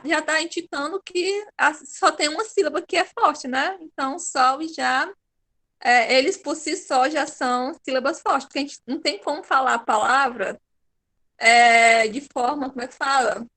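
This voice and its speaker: A Brazilian woman with a high voice teaches an online class. She is patient and encouraging and praises each pupil by name. Her tone is bright and clear, heard through a computer mic on a video call. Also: normal speed. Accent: Brazilian Portuguese.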